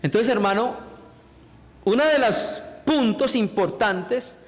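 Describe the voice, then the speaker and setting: A man's voice: high-pitched, lively intonation, takes it slowly. A man preaching a sermon in a church, emphatic and pleading, calling his listeners brothers again and again. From Colombia. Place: church hall. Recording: reverberant church hall.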